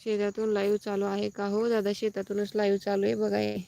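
A woman's voice: mid-range voice, completely flat delivery, brisk, creaky, warm tone, no echo. A woman hosting a casual live stream outdoors in a farm field, chatting with viewers and thanking them for comments as she heads home. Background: crickets and insects outdoors.

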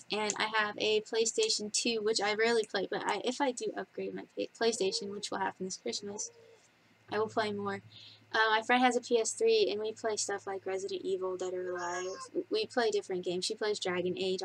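A mid-range voice comes through a rough recording as a woman in her twenties chats indoors in her bedroom. Her casual facts-about-me vlog is giggly, rambling and full of fillers, recorded on a webcam at desk distance.

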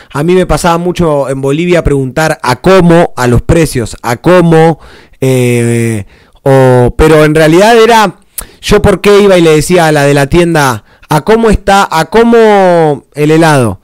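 Slightly high-pitched yet dark in tone, this Argentine man's clean voice moves at a moderate pace with no room sound. He rambles casually through a reaction video, leaning heavily on slang and frequently restarting his sentences.

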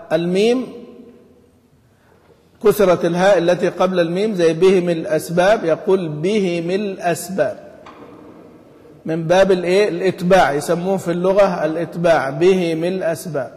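Sheikh with a high voice explaining recitation rules, tinged speech, drags out example words, long hall echo. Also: male voice, steady tone, a little mellow. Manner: stretches out example words slowly, quizzes the class. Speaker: Quran recitation teacher. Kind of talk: explaining a classical text to students. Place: mosque study hall.

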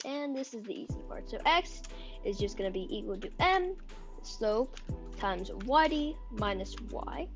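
A young woman giving a casual step-by-step coding tutorial, dictating code aloud symbol by symbol. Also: medium pitch. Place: indoor room at a computer.

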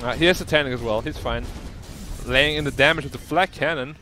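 A man co-casting an esports match with quick, casual remarks. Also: mid-range voice, bright, forceful tone, faint music behind. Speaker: co-caster. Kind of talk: esports commentary banter.

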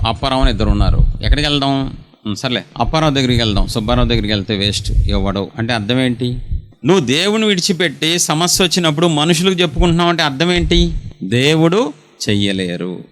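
A man's voice: fairly high pitch, fairly bright tone. A man preaching a sermon, emphatic and full of rhetorical questions, acting out short quoted voices.

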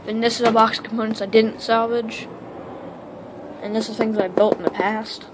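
Casual woman vlogger, rambling shop tour, handheld phone in a cluttered workshop, clear background hiss. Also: a little high, level tone. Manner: rambling, quick, self-interrupting. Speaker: electronics hobbyist vlogger. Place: cluttered home electronics workshop, indoors. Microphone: handheld phone camera.

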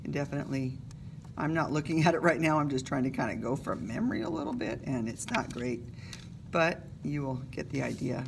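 Gravelly, very deep, animated, and fairly quick, this woman teacher's voice carries over background noise. Working at a table indoors with the camera on her hands from above, she casually guides students through an art project, self-deprecating and sprinkling in okays and ums.

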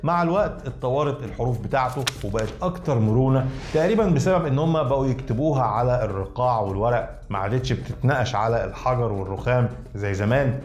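A man's voice: medium pitch, lively intonation, fast, few pauses, darkish tone, reverberant. A man with an Egyptian Arabic accent giving a scripted educational narration, explaining things and addressing the listeners directly.

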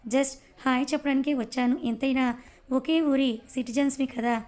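A woman voicing a smug young male rival who taunts loudly and mockingly in a storybook reading. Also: high voice, fairly even intonation, normal speed, lightly acted. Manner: mocking, loud.

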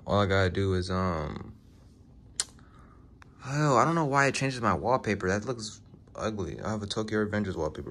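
A young American man with a fairly low voice talks casually into his phone. His delivery is slangy and offhand, peppered with bro and man. The handheld recording has clear background noise. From Texas, United States. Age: young adult. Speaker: vlogger. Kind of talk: casual vlog chat. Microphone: phone at arm's length.

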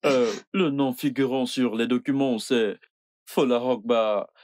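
A man voicing a stern police detective in a French film dub. His voice is mid-pitched and plain, and he speaks in a formal, official manner. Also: steady tone, measured pace, a little mellow, natural voice. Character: stern male police detective making an arrest.

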